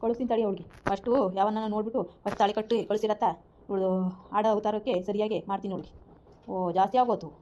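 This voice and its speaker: A woman's voice: medium pitch, fairly even intonation, fast talker, mellow, slight background noise, natural voice. A woman playing a furious middle-aged mother-in-law who scolds and threatens to protect the family's honour. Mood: threatening.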